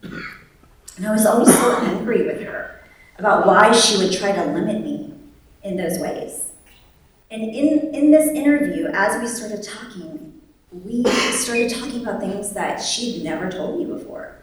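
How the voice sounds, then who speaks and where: Young woman storyteller at a live event, dry humor, animated impressions; distant mic, very roomy hall. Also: medium pitch, measured pace. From born in Vietnam, raised in the United States. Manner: wry and humorous, animated, lively quoted voices. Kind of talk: live personal storytelling on stage. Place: large echoey venue at a live event.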